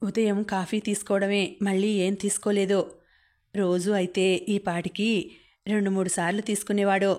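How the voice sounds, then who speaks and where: A woman reading a novel aloud as an audiobook narrator, in a calm, even storytelling manner. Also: medium pitch, normal speed. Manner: calm, even storytelling, quoting characters without acting them.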